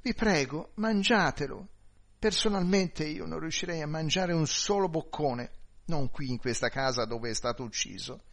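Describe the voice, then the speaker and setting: Man putting on a soft grieving housewife. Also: on the high side, normal speed, voice pushed up. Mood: gracious. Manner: gentle, pleading and courteous.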